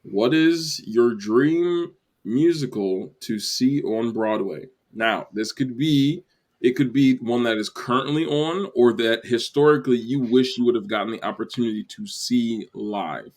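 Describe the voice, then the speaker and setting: A man's voice: mid-range voice, measured pace, darkish tone. A man hosting a casual theatre chat show, asking questions in an easygoing, laughing way. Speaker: podcast host.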